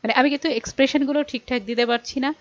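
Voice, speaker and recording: A woman's voice: high voice, fairly even intonation, no echo, lo-fi sound. Bangladeshi woman teaching English punctuation. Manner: explains patiently, reads English examples slowly, checks in with "okay?". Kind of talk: exam-prep lesson.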